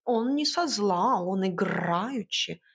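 A woman voicing a proud, grumbling male house cat who talks slowly and purrs between words in an audiobook. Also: medium pitch, expressive, husky, full character voice. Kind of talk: audiobook character voice.

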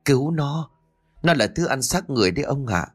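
A man's voice: mid-range voice, animated, fairly quick, slightly rough, faint music behind, voice pushed up. A man voicing a fearful, pious old village wife who speaks in an anxious, trembling way.

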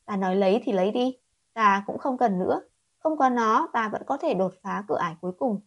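A woman's voice: medium pitch, expressive, fairly quick, dull audio. A woman voicing a cold, possessive male prince in a storybook reading, speaking curtly. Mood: resolute. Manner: curt, cold, commanding.

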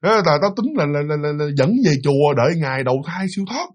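A man voicing a worried, grieving widower who talks low and weary, stumbling over his words. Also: animated, quick pace. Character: worried grieving middle-aged widower landlord.

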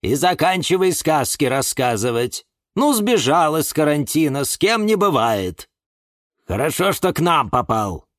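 A man's voice: fairly high pitch, very animated, measured pace, a bit bright, no room sound, clean studio sound, pitched above the performer's own voice. Bossy whiskered lady cactus, man voiced. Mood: scolding. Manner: dismissive, scolding. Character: bossy nosy female cactus with pink whiskers.

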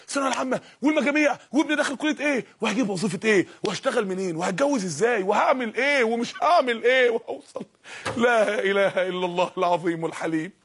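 High-pitched rapid Egyptian preacher. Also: male voice, fairly bright tone. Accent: Egyptian Arabic. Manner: impassioned, exhorting the audience with repeated calls. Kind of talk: Islamic sermon.

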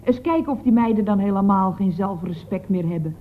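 A woman's voice: mid-range voice, fairly quick, natural voice. An actress playing a chatty, gushing female office clerk in a 1960s radio comedy. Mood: gossipy. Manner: chatty, gushing, lively swings of tone. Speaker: office receptionist at a building firm. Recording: old phone-like radio recording.

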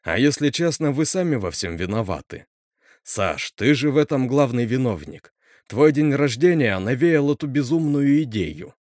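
A man's voice: medium pitch, expressive, moderate pace, dry recording, clean studio sound, lightly acted. A man voicing a stern, grim male teacher who talks bluntly and scolds, in a read-aloud horror story. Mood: angry. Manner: blunt, scolding, snaps loudly.

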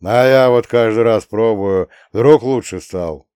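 A man voicing a gruff, hard-drinking old male war veteran who grumbles and swears, in an audiobook. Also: fairly low pitch, unhurried, a little mellow, no echo, studio quality, natural voice. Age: older.

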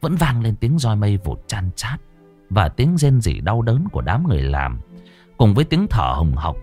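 A man narrating a ghost story in a dramatic, expressive way, dropping to a hush and rising again. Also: fairly low pitch, moderate pace, faint music behind. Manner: dramatic, expressive, swings between hushed and raised delivery.

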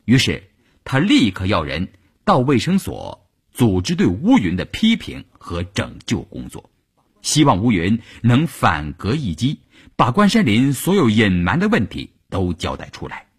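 A man narrating an audiobook novel in a dramatic, expressive reading style. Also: on the low side, measured pace, slightly rough. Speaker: storyteller.

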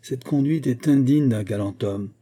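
A stern young man makes his challenge in clipped, indignant phrases. A man voices him in a storybook reading, in a dark, husky tone. He sounds earnest and firm. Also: medium pitch, normal speed, natural voice.

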